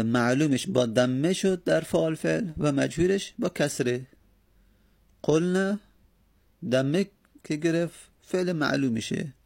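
A male teacher giving a grammar lecture with a rough, gravelly edge to his voice. He talks patiently, reciting verb forms one after another in steady drills and checking in with his students as he goes. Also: mid-range voice.

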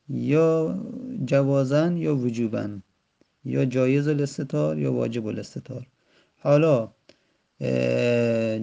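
A man's voice: mid-range voice, creaky, dark tone. A man teaching Arabic grammar in a patient lesson, repeating and rephrasing each term, speaking directly to the student. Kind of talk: explanatory lesson. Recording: dull lo-fi recording.

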